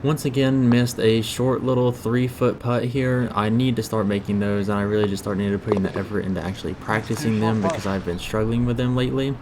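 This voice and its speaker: A man's voice: on the low side, steady tone, brisk, few pauses, crowd noise. A man giving casual, instructive golf commentary as a voice-over, explaining his own round as the player.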